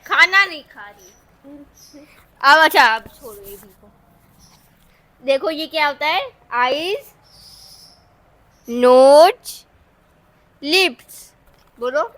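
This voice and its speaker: A woman's voice: high voice, expressive, takes it slowly, long pauses, sharp tone. A woman vlogging casually, coaxing and teaching in a playful manner like a teacher. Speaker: family vlogger. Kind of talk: casual vlog.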